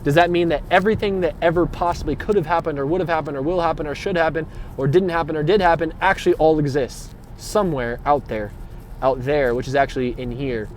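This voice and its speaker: A man's voice: a little high, fairly even intonation, fast talker, a little hiss or hum. A man giving a rambling spiritual monologue, slangy and emphatic, repeating himself and swearing freely, with rhetorical questions. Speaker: spiritual vlogger.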